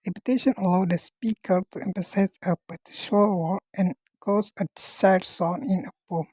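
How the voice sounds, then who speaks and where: A woman gives her part of a class presentation, reading her notes aloud in a steady explaining way. Her voice is mellow and soft-edged. The recording is dry and close. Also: medium pitch, normal speed, husky, dry recording, rough recording. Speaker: student presenter.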